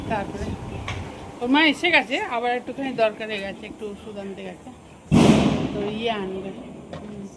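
A woman from West Bengal with a Bengali accent, chatting casually through a home vlog, rambling and filling gaps with hesitation words. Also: mid-range voice. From West Bengal, India. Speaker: vlogger. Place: home kitchen and balcony, festival night. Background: noise, firecrackers and street ambience.

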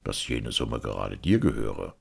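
A man voicing a stern, just caliph in a fairy-tale reading, speaking low and measured. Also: animated, creaky, slightly rough, exaggerated voice. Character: stern, just male caliph, grave authority.

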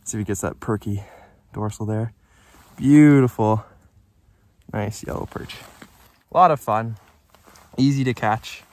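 A man's voice: lowish voice, unhurried, long pauses, a little mellow, no echo. A young man chatting casually outdoors on a frozen lake, explaining his fishing with easygoing enthusiasm to a nearby camera. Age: young adult. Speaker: fishing vlogger. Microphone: camera on the ice nearby.

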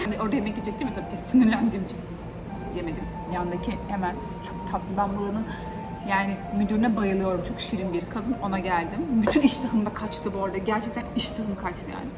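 Exasperated woman vlogging over noisy ambience. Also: medium pitch. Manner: animated, exasperated ranting with laughs. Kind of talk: casual vlog talk to camera. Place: in and around a small shop, walking about.

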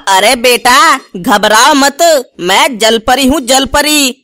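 A woman voicing a kindly female water fairy in a cartoon, who speaks slowly and soothingly. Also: high-pitched, sharp tone, dry recording, full character voice. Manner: slow, soothing and reassuring. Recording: noisy recording.

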